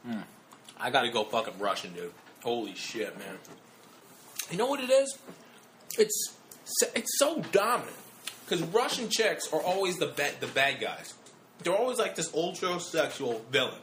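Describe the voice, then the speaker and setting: A man's voice: fairly high pitch, sing-song, normal speed, pauses often, a bit bright, a little hiss or hum. A young man co-hosting a casual podcast chat, brash and crude with blunt opinions. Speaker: podcast co-host.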